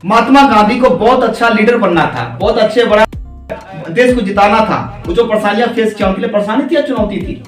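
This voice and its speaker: High-voiced man giving motivational answers. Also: brisk, recorded from a distance. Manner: preachy, rhetorical questions and stories. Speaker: direct selling leader, guest. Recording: echoey room, voice from afar, faint music.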